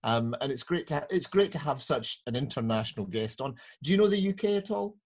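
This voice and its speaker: A man's voice: mid-range voice, expressive, brisk, darkish tone. A British man co-hosting a podcast in casual, jokey, self-deprecating banter. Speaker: podcast co-host.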